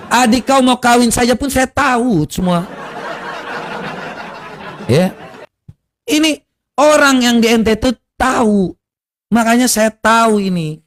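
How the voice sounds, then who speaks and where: A man from in eastern Indonesia, delivering a confrontational online rant full of taunts, rhetorical questions and mocking laughter. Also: high-pitched. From Kupang, East Nusa Tenggara, Indonesia. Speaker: online religious commentator. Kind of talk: confrontational social media rant.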